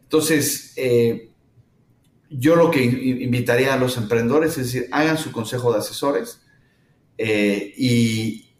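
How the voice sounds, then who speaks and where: A middle-aged man from Mexico with a Mexican accent, answering interview questions thoughtfully with many pauses and fillers. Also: mid-range voice. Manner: thoughtful, hesitant with frequent fillers. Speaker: startup founder, guest. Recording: roomy echo.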